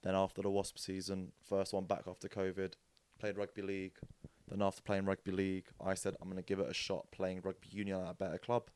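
A young man, a podcast guest telling rugby stories in a casual, animated way. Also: sits low, a little fast, clean tone, no echo. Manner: animated storyteller, acts out quotes with jokes and laughs. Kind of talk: casual storytelling chat.

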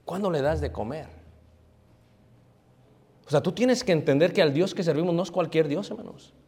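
High-voiced preacher scolding his congregation. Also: animated, moderate pace, darkish tone, husky, in a large hall. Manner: scolding, asks the congregation questions and answers them. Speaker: pastor. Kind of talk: sermon. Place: church hall.

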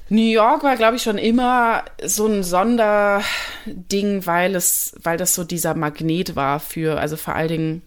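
A young German musician answers interview questions casually and thoughtfully, often pausing, using fillers and restarting sentences. Her voice is mid-range and steady in tone.

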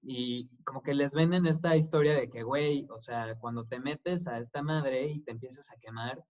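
A man with a Mexican accent, co-hosting a casual film chat in a relaxed, slangy way, swearing often. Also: medium pitch, normal speed. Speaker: podcast co-host. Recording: dull lo-fi sound.

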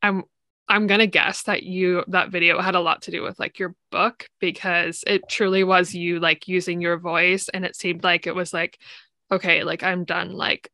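A woman with a bright, forward voice hosts a casual chat. She builds her thoughts in short halting pieces, with frequent filler "like". The sound is close and dry. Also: on the low side, flat delivery, no echo. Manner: peppers speech with "like", halting phrasing. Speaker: interview host. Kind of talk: casual conversational interview.

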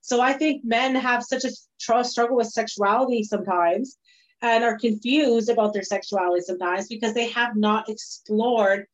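A woman's voice: fairly high pitch, fairly even intonation, moderate pace. A woman host in casual conversation, talking frankly and with animation. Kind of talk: casual podcast chat. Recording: dull lo-fi sound.

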